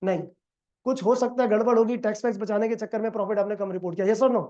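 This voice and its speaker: A man's voice: sits high, steady tone, quick pace, warm tone, dull audio. A man teaching an accounting class, quizzing students and acting out dialogues in a lecture.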